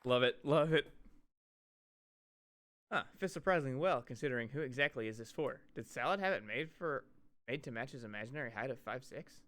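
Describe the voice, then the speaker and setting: A streamer reads a visual novel aloud, performing the dialogue theatrically and adding his own profane, casual commentary on the game. His voice is medium-pitched, expressive, fairly quick and fairly bright. Music plays behind him.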